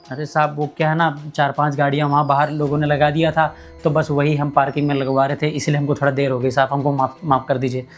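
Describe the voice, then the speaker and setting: A man's voice: a little high, little pitch movement, quick pace, soft background music, natural voice. A man playing a poor, humble security guard who pleads and complains about his bosses. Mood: pleading. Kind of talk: amateur short-film acting.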